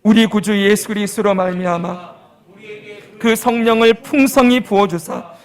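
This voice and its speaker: A man with a very high-pitched voice delivers a sermon from the pulpit. He presses his points with rhetorical questions and has the congregation repeat lines after him. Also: moderate pace. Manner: emphatic preaching with rhetorical questions and call-and-response. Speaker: pastor.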